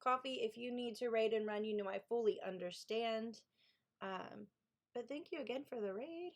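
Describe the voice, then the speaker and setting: At normal speed and a fairly high pitch, a woman from Kentucky talks with a Southern accent on a live stream about her books. She's an author running writing sprints, chatty with viewers, thanking them and reading the chat out loud.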